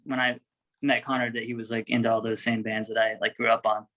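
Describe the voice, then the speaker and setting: An American man in a band, appearing as an interview guest, rambles through stories in casual chat, peppering them with "like." His mid-range voice is flat and fast, with a slightly bright quality.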